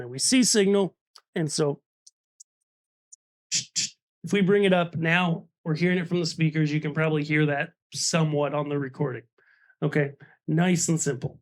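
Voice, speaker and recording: Talking himself through each step, a man with a fairly high voice gives an informal, hands-on demo of audio gear. His tone is chatty and casual, and the recording has no echo.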